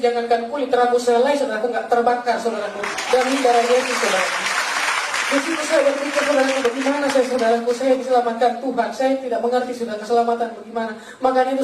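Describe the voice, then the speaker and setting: Fast-talking preacher man in an echoey hall. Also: extremely high pitch, steady tone, recorded from a distance, crowd noise, noisy background. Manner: fervent storytelling, repeatedly addresses listeners as brothers. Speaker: pastor giving a testimony. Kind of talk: testimony sermon.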